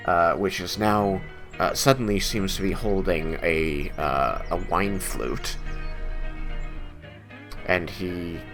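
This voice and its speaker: A man's voice: low-pitched, slow pace, long pauses. A man improvising narration as game master of a tabletop fantasy game. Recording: music playing behind the voice.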